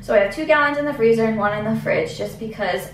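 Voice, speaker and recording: A woman's voice: on the high side, fast talker, recorded from a distance, slight background noise. A young adult woman walking through her groceries in casual vlog chat, thinking aloud with fillers, recorded at home in her kitchen by a camera a few steps away. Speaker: vlogger. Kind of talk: casual grocery haul walkthrough. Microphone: camera at a distance. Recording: echoey kitchen, voice from off the mic.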